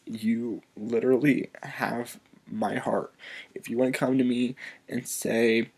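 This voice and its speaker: Male vlogger, quiet and earnest, halting delivery, on the edge of tears, plain mid-pitch voice. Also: level tone, vocal fry, husky. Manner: soft-spoken. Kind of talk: emotional personal video message.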